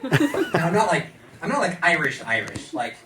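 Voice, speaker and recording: A Californian American man performs a sardonic stand-up set at a comedy club in a bar, punctuating his lines with "okay?" His slightly high voice has huge pitch swings at a moderate pace. The roomy, distant recording catches a live crowd and plenty of background noise.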